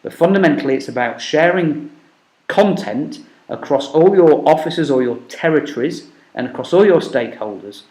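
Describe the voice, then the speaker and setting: Halting man demoing software. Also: a little high, animated. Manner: halting, many fillers and restarts. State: losing his voice. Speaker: software demo presenter. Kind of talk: unscripted product walkthrough. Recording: echoey room.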